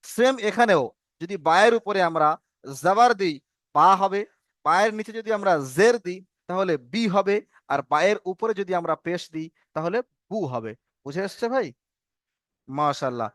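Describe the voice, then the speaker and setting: High-voiced man teaching patiently. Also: lively intonation, moderate pace, fairly bright tone, no echo, clean studio sound. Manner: patient, repeats questions and answers for students. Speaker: Arabic reading teacher. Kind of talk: online class teaching.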